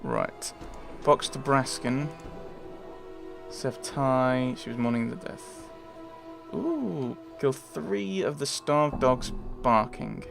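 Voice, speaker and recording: A man's voice: medium pitch, slow, creaky, over music. A man doing casual game commentary, thinking aloud in muttered asides and reading bits of game text. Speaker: let's player.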